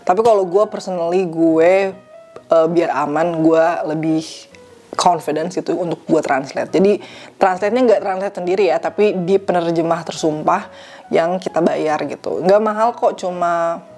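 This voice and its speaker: A woman's voice: on the low side, normal speed, warm tone, soft background music. A young woman from Indonesia answering viewer questions in a casual vlog, chatty and dropping in English phrases. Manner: chatty, mixes English phrases into her talk.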